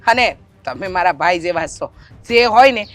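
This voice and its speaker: A woman's voice: fairly low pitch, lively intonation, normal speed, a bit bright. A woman playing a caring village housewife who coaxes a worried relative to speak openly. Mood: concerned. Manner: concerned, coaxing. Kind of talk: rural family stage drama.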